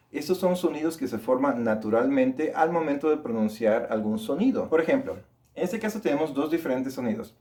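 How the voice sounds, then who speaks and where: A male English teacher walks learners through pronunciation. He explains each sound in a patient, even tone, then says the example words slowly and repeats them for practice. His voice sits at a medium pitch. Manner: slow, drawn-out model words repeated for practice.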